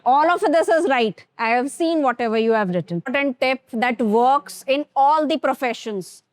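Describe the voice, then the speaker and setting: A woman's voice: high voice, lively intonation, very slow, no room sound, studio quality. A woman with an Indian accent teaching a grooming workshop to students in a classroom, switching between Hindi and English and addressing them directly.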